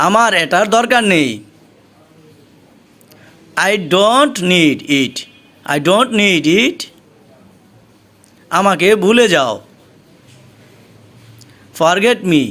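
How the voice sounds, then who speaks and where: Very slow, high-pitched Bengali man drilling phrases. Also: lively intonation, bright, forceful tone. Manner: reads each phrase twice, very slowly and deliberately. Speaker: English teacher.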